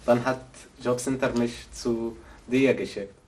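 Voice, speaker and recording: Non-native man, mid-pitched, halting speech, set back from a distant mic with faint ambience. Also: fairly even intonation, darkish tone, a little hiss or hum. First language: not German. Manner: halting, questioning. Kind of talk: conversational interview.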